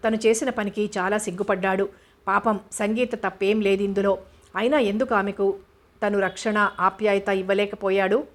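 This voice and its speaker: A woman reading a novel aloud as its narrator, at an even, measured pace. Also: mid-range voice. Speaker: audiobook narrator.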